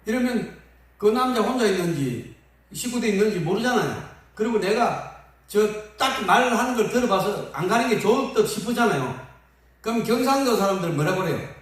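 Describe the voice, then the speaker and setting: A man preaching with a lively, rising and falling voice that swings up and down as he acts out funny stories. He is heard from a distance, and the church rings with a strong echo around him. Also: sits high, normal speed. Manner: lively, humorous storytelling with acted-out quotes. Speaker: pastor. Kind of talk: sermon. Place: church sanctuary. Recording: echoey hall from far off.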